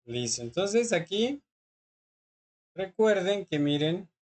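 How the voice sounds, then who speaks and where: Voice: mid-range voice, very animated, takes it slowly, a little mellow. A teacher, patiently explaining English grammar in class and often checking that students follow. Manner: patient, often checks understanding with short questions.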